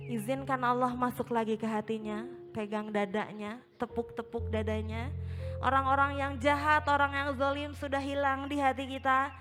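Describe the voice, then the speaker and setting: A woman leading an emotional guided prayer as a religious teacher, pleading and swelling loud, then dropping to a hushed, slow coaxing. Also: high voice.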